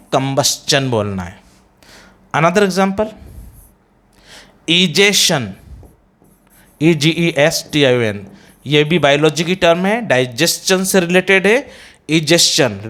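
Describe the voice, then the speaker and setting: A man teaching English pronunciation, mixing Hindi and English and slowly repeating words and spellings in an Indian English accent. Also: on the high side, a bit bright. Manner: slow, drawn-out repetition of words and spellings. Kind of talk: pronunciation lesson.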